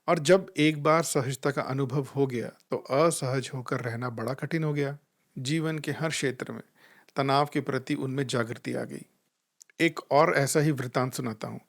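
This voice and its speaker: A man giving a calm, reflective spiritual talk. He tells gentle anecdotes and acts out the voices he quotes. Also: mid-range voice, normal speed, gravelly. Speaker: spiritual life coach.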